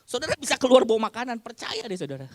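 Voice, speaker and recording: A male pastor preaching a sermon to his congregation, asking them questions and acting out their shouted amens. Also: very high voice, sing-song, very fast, dry recording, clean studio sound. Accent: Indonesian. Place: church congregation.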